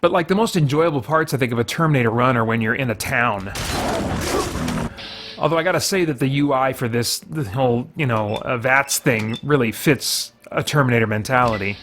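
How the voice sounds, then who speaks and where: Against a noisy background, the mid-range voice of a gaming series host comes through fairly quickly. He offers laid-back commentary on his gameplay, talking through his decisions as he goes.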